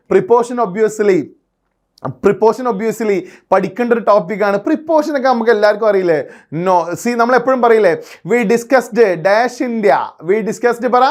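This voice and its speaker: A male teacher giving an exam-prep lecture, firing rhetorical questions at his students and mixing Malayalam with terms. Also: high voice. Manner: quizzing listeners with rhetorical questions. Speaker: English teacher.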